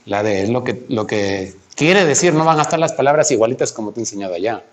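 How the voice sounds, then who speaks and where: A man's voice: medium pitch, lively intonation, fast. A man tutoring a student through logic exercises, patient and coaxing, asking many questions. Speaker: math tutor. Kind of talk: teaching logic exercises one-on-one.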